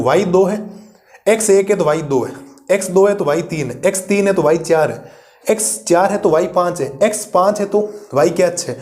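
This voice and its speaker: This male math teacher has a voice that sits high with a darkish tone. In a classroom lecture video he explains the maths step by step, asks the class rhetorical questions, and keeps reassuring and encouraging his students.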